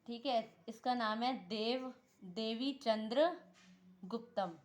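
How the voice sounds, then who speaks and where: A woman's voice: on the high side, slow pace. A woman teaching an exam-prep history lesson, asking questions and answering them herself, repeating key names and often saying "theek hai" with small self-corrections.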